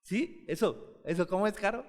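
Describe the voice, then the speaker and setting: A man's voice: high-pitched, moderate pace, big-room sound. A male pastor preaching a sermon in a conversational way, often asking the congregation questions.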